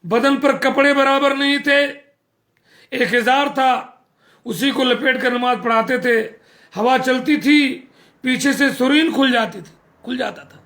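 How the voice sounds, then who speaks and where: A man's voice: very high-pitched, fairly bright tone. A man preaching a sermon, earnest and scolding, repeating phrases for emphasis.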